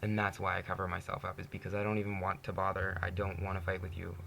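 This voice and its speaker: A Canadian vlogger in his twenties talks candidly to camera in an earnest personal monologue, saying "you know" constantly and laughing often. His voice is low, monotone, creaky and a bit bright, he talks fast, and there's a little hiss or hum.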